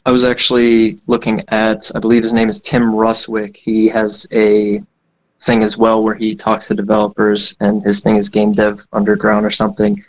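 Flat-voiced young man, rambling casually. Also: lowish voice, normal speed, low-quality recording. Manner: rambling, self-deprecating, frequent fillers. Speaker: indie game developer, interview guest. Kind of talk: casual conversation.

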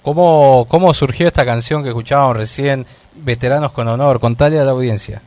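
Man, Argentine Spanish accent, radio host, friendly questions, middle pitch. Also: brisk, a little mellow, no room sound. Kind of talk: radio interview.

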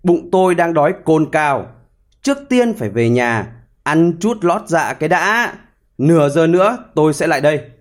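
A man voicing a clever male hedgehog in a storybook tale, speaking briskly and matter-of-factly. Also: fairly high pitch, sing-song. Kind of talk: storybook character voice.

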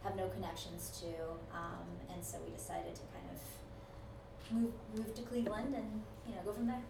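A woman in her thirties, born in China and raised in Houston, co-owner of an ice cream shop, speaking softly and hesitantly with many fillers. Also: medium pitch, lively intonation, moderate pace. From born in China, grew up in Houston. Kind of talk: casual interview. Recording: echoey room, distant mic, noisy.

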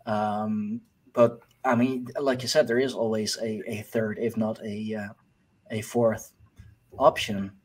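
A man's voice: fairly low pitch, level tone, slow. A man hosting a casual conversation, hesitant and often trailing off as he searches for words. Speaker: podcast host. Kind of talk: casual chat.

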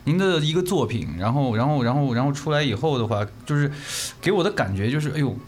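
Quick-talking male radio co-host. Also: medium pitch, lively intonation. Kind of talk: casual interview chat.

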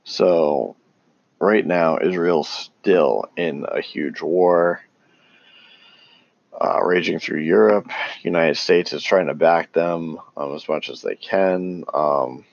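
Very deep, gravelly, slow-talking man. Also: lo-fi sound. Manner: halting, many ums and restarts; calls himself tongue-tied. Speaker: religious commentator. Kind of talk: casual unscripted talk on scripture.

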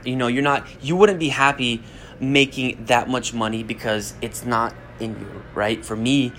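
A young man hosts a podcast in a casual, rambling monologue, blunt and quick to swear as he urges listeners on. His voice sits a little low but comes across bright and forceful. A faint hiss of noise lies under him. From United States. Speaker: podcast host.

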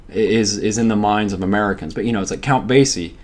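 A man's voice: fairly low pitch, quick pace. A man co-hosting a podcast, chatting casually, rambling from topic to topic and swearing now and then. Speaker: podcast co-host. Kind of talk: casual chat.

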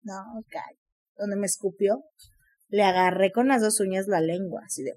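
A woman with a Mexican accent telling a story in casual chat, animated, full of crude slang and acted-out voices. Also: medium pitch, normal speed. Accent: Mexican Spanish.

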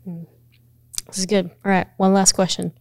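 A woman co-hosting a podcast, asking questions in a soft, measured way. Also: mid-range voice, little pitch movement, dry recording, clean studio sound. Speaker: podcast co-host. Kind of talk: casual interview.

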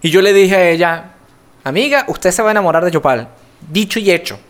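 A man with a Venezuelan accent hosting a casual podcast chat, telling stories in a lively way. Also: high-pitched, fairly quick. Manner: lively, animated storyteller, mimics voices. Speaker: podcast host.

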